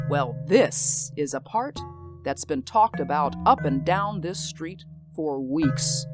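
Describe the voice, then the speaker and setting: The villain of this old radio drama is a resentful middle-aged stage actor bent on revenge, voiced by a man pitched on the high side. His 1940s-style delivery is theatrical and gloating, slipping at times into a quiet threat.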